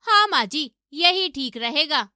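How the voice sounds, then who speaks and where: A woman's voice: high voice, animated, unhurried, bright, forceful tone, no echo, studio quality, full character voice. A woman voicing a scheming, greedy young elder daughter-in-law in a cartoon story, sly and spiteful.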